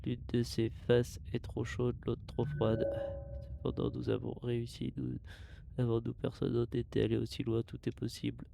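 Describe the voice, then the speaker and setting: A man voicing a spaceship's log in a put-on robot voice, monotone and formal, reading log entries aloud. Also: medium pitch, creaky, faint music behind. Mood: solemn. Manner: monotone, measured, formal delivery. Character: flat robotic voice of a spaceship log, human crew. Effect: robot voice put on by mouth, no filter.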